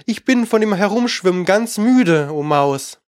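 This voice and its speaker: A man's voice: high-pitched, expressive, unhurried, dry recording, clean studio sound, pitched above the performer's own voice. A man voicing a polite, curious young girl who talks eagerly and coaxingly.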